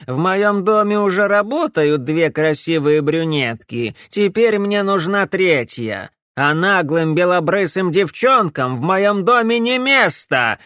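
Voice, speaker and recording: A man's voice: sits high, animated, unhurried, few pauses, a bit bright, no room sound, studio quality, pitched above the performer's own voice. A man voicing a rude, grumpy old man in an audiobook, scornful and haughty.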